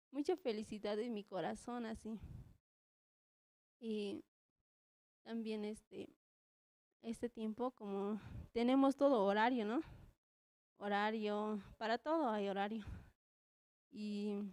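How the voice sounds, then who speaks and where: A young woman gives a church testimony in a fairly high, mellow, smooth voice. She sounds nervous, even trembling, and speaks hesitantly, circling back on her words. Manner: hesitant, repeats "así" constantly, nervous. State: trembling with nerves. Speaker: church volunteer giving testimony.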